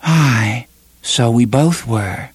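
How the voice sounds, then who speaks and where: A man voicing an entranced young woman in an audiobook, speaking in a faint, dreamy, slow way. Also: mid-range voice, slightly rough, no echo, pitched above the performer's own voice, full character voice. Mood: dreaming.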